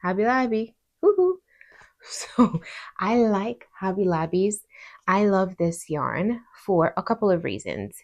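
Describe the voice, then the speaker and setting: Hosting her crochet channel, a Hungarian-accented teacher explains casually at a measured pace, her medium-pitched, slightly mellow voice swinging widely in pitch. The tone is warm and talkative, sprinkled with playful asides.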